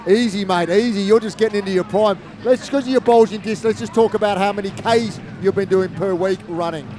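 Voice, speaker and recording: A man interviewing finishers in a friendly, brisk way at a race. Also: high voice. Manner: friendly, brisk, says mate. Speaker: co-commentator interviewer.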